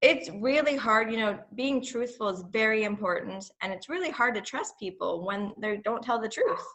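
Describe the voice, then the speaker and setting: A woman co-hosting a children's show, chatty, gushing and expressive. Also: a little high, normal speed, low-quality recording.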